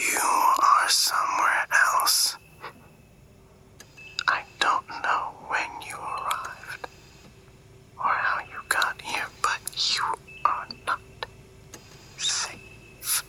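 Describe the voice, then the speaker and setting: An actress playing a secretive woman who whispers urgent warnings to someone held captive, in a hushed, careful voice. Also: full character voice.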